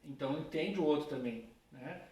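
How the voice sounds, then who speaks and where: A man with a fairly high, dark-toned voice speaks at a moderate pace, casually teaching a philosophy class and addressing his students directly. It's a recorded class lecture, captured from a distance in a roomy space.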